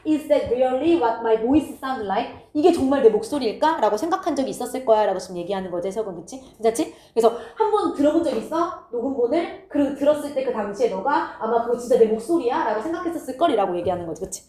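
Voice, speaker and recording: High-voiced woman teaching, echoey room. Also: animated, warm tone. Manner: checks in often with rhetorical tag questions; reads English lines slowly, then explains quickly. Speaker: high school English teacher. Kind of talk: classroom lecture. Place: classroom.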